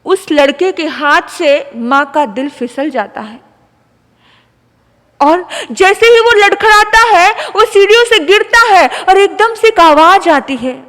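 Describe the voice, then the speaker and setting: Brief: impassioned woman preacher telling a story, bright, slow. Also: very high-pitched, animated. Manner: dramatic, impassioned. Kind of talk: sermon storytelling. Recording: long hall reverb.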